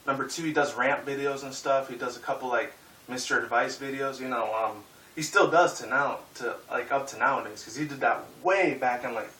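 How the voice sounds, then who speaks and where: Faint hiss and roomy echo surround a young YouTuber in his twenties who sits away from the mic and rambles through a casual vlog, full of swearing, "like" and "um." With Puerto Rican and Mexican roots, he speaks a little fast in a bright, forward, mid-range voice.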